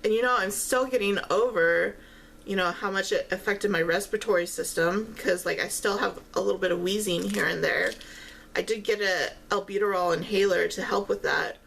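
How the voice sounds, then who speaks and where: A woman chatting casually while eating, chewing as she talks and pausing often between phrases. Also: mid-range voice, vocal fry, a bit bright, poor audio. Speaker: vlogger eating on camera while talking. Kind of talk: casual mukbang-style chat.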